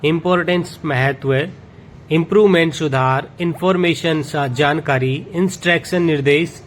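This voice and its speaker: Man slowly reading a word list. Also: fairly high pitch, slight background noise. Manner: steady list-reading with self-corrections. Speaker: vocabulary teacher.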